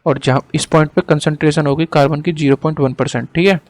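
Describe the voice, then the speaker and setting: A male teacher lecturing casually over a screen diagram, slowly dictating definitions word by word and then explaining more quickly in between, now and then apologizing for hesitating. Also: a little high, steady tone.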